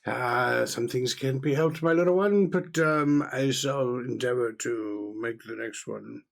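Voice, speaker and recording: Man playing a stuffy middle-aged academic in a tabletop game, formal, raised pitch. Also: a little slow, vocal fry. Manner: formal, fussy and old-fashioned. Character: genteel, pompous middle-aged male professor.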